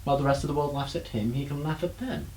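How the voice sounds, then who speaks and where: A man's voice: mid-range voice, fast, a little mellow, a little hiss or hum, poor audio. A man, co-hosting a podcast in casual, teasing, profane banter. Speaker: podcast co-host.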